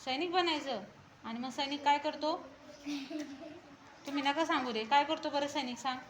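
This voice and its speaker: A woman teacher talks with young pupils in a school classroom. She keeps coaxing and repeating her questions, asking them to speak louder. Her voice sits high, and the room is full of classroom noise behind her. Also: moderate pace. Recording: noisy classroom ambience.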